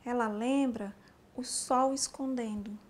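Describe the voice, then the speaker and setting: A woman teaching a sign language class, explaining each sign slowly and speaking straight to the learner. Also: fairly high pitch, fairly even intonation. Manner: slow, explanatory, addressing the learner directly. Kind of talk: spoken instruction for a sign language lesson.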